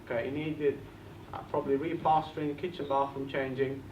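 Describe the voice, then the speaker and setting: A Bulgarian man with a Bulgarian accent presents at a live seminar in a meeting room full of people, speaking briskly at a medium pitch. He's animated and puts questions straight to the audience. The recording is echoey and muffled, taken from a distant mic with faint hiss.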